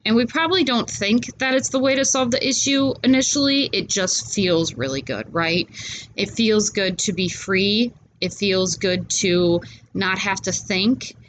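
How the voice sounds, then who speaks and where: An adult parent hosts a solo podcast, talking casually in an earnest, chatty way, laughing at herself and sounding stuffy-nosed from a cold. Her mid-range voice moves at a measured pace. The audio is poor, with a little hiss or hum.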